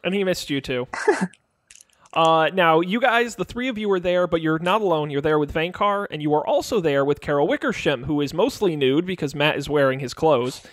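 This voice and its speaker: A man's voice: fairly high pitch, expressive, normal speed, no room sound, studio quality. A man narrating as game master of a tabletop role-playing game, loose and chatty, with many ums and restarts.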